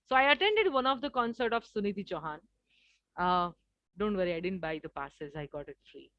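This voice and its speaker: A woman with an Indian English accent giving a workshop on communication in an expressive way, acting out contrasting voices, in what sounds like an online video session. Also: medium pitch, a little fast, dry recording, lo-fi sound. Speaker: communication trainer. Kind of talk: live workshop lecture.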